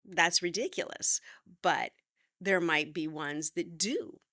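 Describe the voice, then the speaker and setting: A woman's voice: fairly low pitch, slow pace, sharp tone, dry recording, studio quality. A middle-aged woman teaching acting, chatty and encouraging as she talks to the camera. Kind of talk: talking-to-camera acting lesson.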